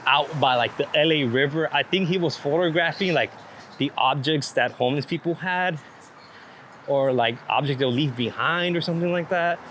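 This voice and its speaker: This man's voice sits a little high, at normal speed and a bit bright, with a little hiss or hum in the recording. He's a street photographer being interviewed, talking in a laid-back, rambling, casual way about his work and swearing freely.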